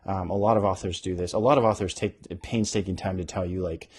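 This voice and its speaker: A man talking casually as an author hosting a podcast, animated and often interrupting himself as he thinks aloud. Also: low voice, fairly quick, breathy edge. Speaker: author hosting a podcast about their own book. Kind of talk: casual rambling talk with bits read aloud.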